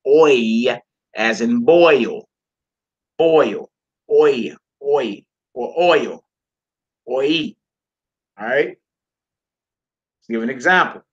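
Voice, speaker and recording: Slow husky man teaching Hebrew. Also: mid-range voice, sharp tone, dull audio. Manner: encouraging, repeats phrases. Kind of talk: Hebrew reading lesson.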